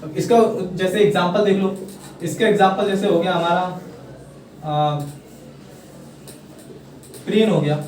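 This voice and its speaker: This young man's voice sits high, with a steady, darkish tone, an unhurried pace and frequent pauses. An English teacher with a Hindi accent, he's explaining a pronunciation lesson in casual classroom style, often checking that students follow and coaxing them with repeated "thik hai." A little hiss or hum accompanies an echoey room and distant voice.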